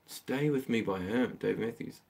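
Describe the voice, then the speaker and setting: A guitar teacher chats casually on a live stream from home between songs, rambling easily as he works through viewer requests. His mid-range voice is unhurried and darkish, with vocal fry and a breathy edge, while a water pump runs in the background.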